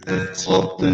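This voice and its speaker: Casual male guest, glitchy broken-up call, voice warbling high and low, slowed and gravelly, muffled echoey line. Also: darkish tone. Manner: apologetic, casual. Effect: glitchy, broken-up call audio with warped pitch and speed. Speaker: interview guest. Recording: muffled, very echoey video-call audio with faint music.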